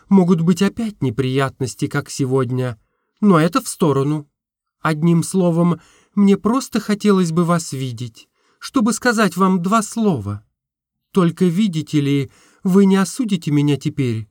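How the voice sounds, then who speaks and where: A man voicing a frank, earnest young woman who gently teases, in an audiobook reading. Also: a little high, no room sound, studio quality, pitched above the performer's own voice. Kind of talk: audiobook character voice.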